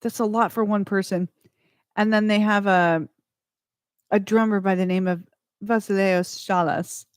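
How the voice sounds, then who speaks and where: A woman's voice: medium pitch, steady tone, clear, resonant tone, dry recording, clean studio sound. A woman hosting a radio music show, chatting between tracks in a rambling way that corrects itself as she goes. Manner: slow, rambling, self-correcting.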